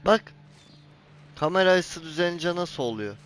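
A gaming channel host with a slightly high, somewhat bright voice and lively intonation speaks at a measured pace with soft music behind him. Narrating his let's-play, he gets exasperated, scolding his character and swearing at the camera over failed jumps.

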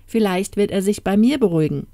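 A woman's voice: medium pitch, lively intonation, a little fast, mellow, no room sound, close to an everyday voice. A woman playing a boastful stubborn old king, haughty and scolding, storybook audiobook, dry close voice.

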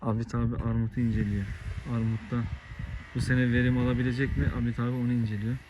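A man vlogging outdoors on a farm. He chats casually to viewers and shouts sharp calls and scoldings to his dogs. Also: medium pitch, flat delivery, fast, highs cut off, noisy background. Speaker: vlogger and dog owner.

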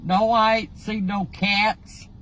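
A woman's voice: medium pitch, little pitch movement, slow, a bit bright, highs cut off. An American woman in her seventies, blunt, combative and foul-mouthed, speaking spontaneously in a car. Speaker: grandmother being pranked. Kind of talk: candid spontaneous outburst. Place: inside a parked car. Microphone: fixed dashboard camera. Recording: car interior noise, camera microphone.

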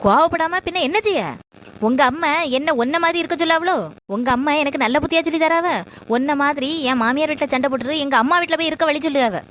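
A woman's voice: high-pitched, a bit bright. A woman playing a fiery young daughter-in-law. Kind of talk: comedy skit acting.

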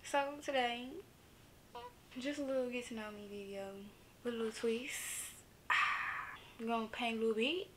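Twenties woman, Southern Memphis accent, casual vlogger, easygoing and chatty, slightly raised pitch. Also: moderate pace, pauses often, fairly bright tone, a little hiss or hum. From Memphis, Tennessee, USA. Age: 20s. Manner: chatty, laid-back, laughs often, drops into asides. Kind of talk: casual get-to-know-me vlog.

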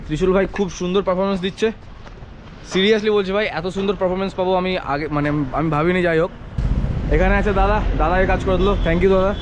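A man's voice: high voice, steady tone, fast, highs cut off. A young man from West Bengal, chatting to his viewers as he rides a mountain road on his motorbike. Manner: chatty, addresses viewers as brother. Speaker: motovlogger. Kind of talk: riding vlog commentary. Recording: faint road and traffic noise outdoors.

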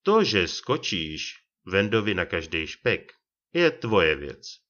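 A man's voice: low-pitched, sing-song, a bit bright, muffled recording. A man playing a growling old retired detective. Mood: gruff. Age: older. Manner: growling, blunt, colloquial.

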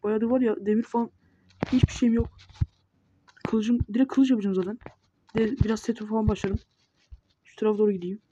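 A woman's voice: mid-range voice, level tone, brisk, long pauses. Woman muttering through gameplay, lo-fi. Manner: mutters running self-talk, scolds the monsters. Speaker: gamer. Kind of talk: casual gameplay commentary. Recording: dull lo-fi mic with noise.

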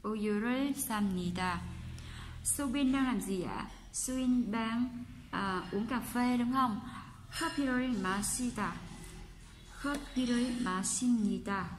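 Speaking at a fairly high pitch, a woman teaching Korean with a Vietnamese accent walks through textbook exercises, slowly and patiently repeating every example sentence. A little hiss or hum can be heard.

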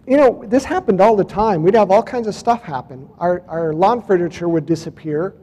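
A man with a high voice and dark tone speaks at a moderate pace in a reverberant conference hall, presenting photos and clips at a UFO conference. He narrates casually, reading out dates and speaking directly to the audience.

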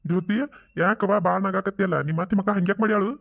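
A man voicing a curious, easygoing middle-aged village uncle in a cartoon, with a lively, teasing way of talking. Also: high voice, very fast, vocal fry, exaggerated voice.

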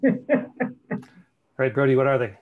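A man runs through slides in a casual video-call meeting, musing aloud with filler words and false starts. He speaks slowly in a mid-range voice with large pitch swings, and the audio is narrow and tinny.

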